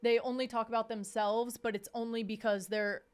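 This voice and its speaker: A woman in her twenties co-hosting a podcast, chatting casually in a blunt, profane and animated way. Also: fairly high pitch, normal speed, smooth. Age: 20s. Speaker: podcast co-host. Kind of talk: casual chat.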